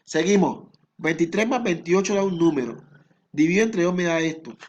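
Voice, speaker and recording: Man, math teacher, slightly high voice, patient, repeats steps. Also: animated, normal speed, muffled recording. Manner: patient, repetitive step-by-step explaining. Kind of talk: recorded math lesson.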